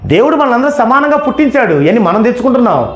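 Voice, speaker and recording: A man's voice: extremely high pitch, sing-song, very fast, reverberant. A man teaching numerology in an emphatic lecture, asking questions and answering them himself. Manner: emphatic, asks and answers his own questions. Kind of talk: explanatory lecture.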